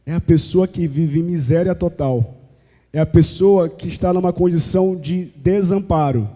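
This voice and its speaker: A man's voice: fairly high pitch, normal speed, warm tone. Brazilian man preaching in a reverberant church. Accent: Brazilian Portuguese. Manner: rhetorical questions, acts out prayers in quoted voices. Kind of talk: sermon. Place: church sanctuary, live service. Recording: long church hall reverb.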